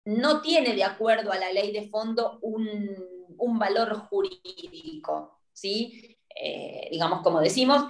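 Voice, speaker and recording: A woman with an Argentine accent gives a university law lecture, explaining step by step and checking in often with her listeners. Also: on the high side. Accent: Argentine Spanish. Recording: roomy echo.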